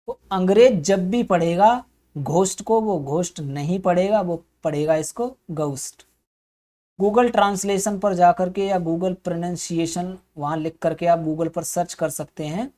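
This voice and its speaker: A woman's voice: medium pitch, dark tone. An English teacher, a woman, giving an explanatory spoken lesson, often posing questions to herself and then answering them.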